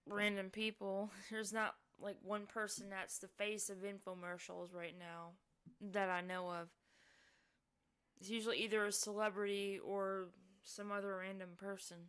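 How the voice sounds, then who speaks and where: A woman's voice: medium pitch, fairly bright tone, clear, resonant tone. A woman streamer giving casual live commentary on a video, chatty and amused, laughing often.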